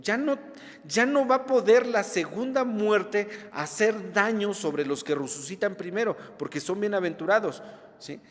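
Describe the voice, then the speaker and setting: Man preaching, slow and deliberate, slightly high voice, emphatic, long hall reverb. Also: expressive. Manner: emphatic, repeats key words with rhetorical "¿sí?". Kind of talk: sermon. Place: church.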